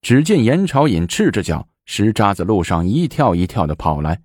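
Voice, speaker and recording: A man narrates a historical story with animated drama, leaning into the tense moments. His low voice sounds dry and close to the mic, with no echo, and he speaks at a normal speed.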